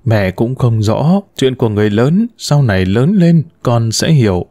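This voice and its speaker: A man's voice: medium pitch, expressive, normal speed, dark tone, close to an everyday voice. A man voicing an older woman in her sixties, an adoptive mother who talks bluntly and dismissively. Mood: evasive.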